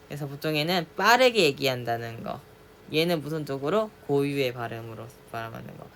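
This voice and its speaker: A teacher giving a casual spoken pronunciation lesson, repeating vowel sounds over and over to demonstrate them and slipping between casual and polite speech. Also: mid-range voice. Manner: mixes casual and polite speech, asks the listener to follow along.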